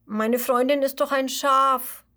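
A woman voicing a little bunny boy who calls out high and eager for his friend. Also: fairly even intonation, takes it slowly, pushed and bright, full character voice. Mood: earnest.

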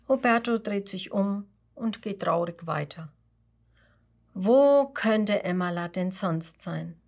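A woman narrating a children's story in a slow, gentle way. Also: mid-range voice. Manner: slow and gentle, with lively voices.

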